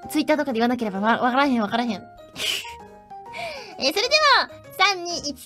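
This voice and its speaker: A woman's voice: sits high, big pitch swings, fast, pushed and bright, faint music behind. A young woman streamer chatting casually and playfully, often breaking into giggles between sentences.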